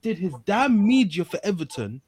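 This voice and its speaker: A man's voice: sits high, big pitch swings, moderate pace, a little mellow, slight background noise. London man in casual, slangy football chat. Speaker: football fan panellist on a podcast.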